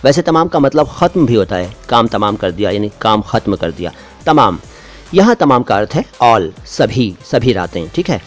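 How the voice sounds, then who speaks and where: A middle-aged man giving a pronunciation lesson as a language teacher, explaining words slowly and carefully one at a time. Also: lowish voice, very animated, faint music behind. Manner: slow, careful word-by-word explanation.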